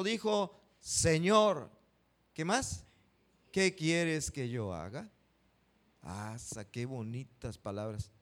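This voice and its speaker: Male preacher, slightly high voice, questioning sermon style with slow scripture reading. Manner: asks the congregation questions, reads verses slowly.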